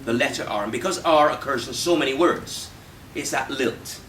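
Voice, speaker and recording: A Barbadian man with a mid-range, slightly bright voice speaks at normal speed. He's a vicar appearing as guest speaker, giving a humorous talk in a club meeting room and quoting different voices for the audience. The mic is distant, with faint background noise.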